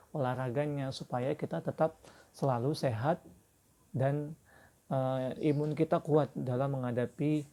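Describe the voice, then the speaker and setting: A man's voice: mid-range voice, dark tone. A man teaching a religious school class to young children, explaining patiently with many fillers and restarts.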